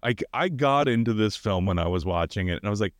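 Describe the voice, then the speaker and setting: A man's voice: fairly low pitch, expressive, fast, no echo, clean studio sound. A man co-hosting a casual film podcast, talking loosely with many fillers and restarts. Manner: loose, hesitant, lots of fillers. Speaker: podcast co-host.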